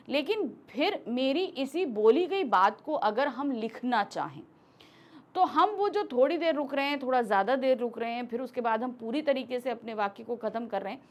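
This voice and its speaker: A woman teacher explaining a grammar lesson step by step, acting out example sentences as she goes. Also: high-pitched.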